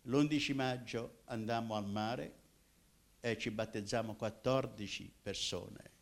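An older man from Apulia, a minister giving his personal testimony in an emotional way, swinging from loud cries to hushed tones. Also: on the low side, steady tone, unhurried, gravelly. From Apulia, southern Italy.

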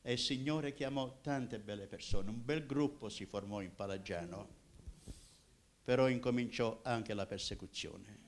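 An older man from Apulia, a minister giving his personal testimony in an emotional way, swinging from loud cries to hushed tones. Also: lowish voice, a little slow. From Apulia, southern Italy.

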